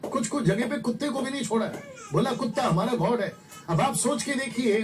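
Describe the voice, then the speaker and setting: A man preaching an evangelistic sermon, exhorting his listeners and repeating his phrases for emphasis. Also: high-pitched. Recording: distant mic with faint background noise.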